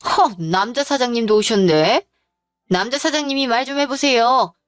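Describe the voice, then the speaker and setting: An aggrieved young female shop employee, voiced by a woman complains in an accusing tone in an audio drama. The voice sits fairly high and sounds close and dry, with music underneath. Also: normal speed, dry recording, natural voice.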